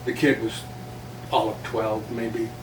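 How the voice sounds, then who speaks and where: An older guest from South Texas, a journalist and playwright whose first language is Spanish, unhurriedly looks back on his career in a relaxed interview. His medium-pitched voice keeps a level tone, punctuated by small chuckles. The mic is distant and the room roomy, with faint noise behind him.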